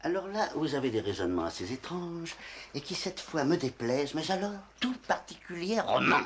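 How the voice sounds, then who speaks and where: A man's voice: a little high, very animated, fairly quick, a bit bright, slight background noise. A man playing an irascible, scheming comic character in a film, explosive, sputtering and emphatic. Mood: indignant. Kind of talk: French comedy film acting.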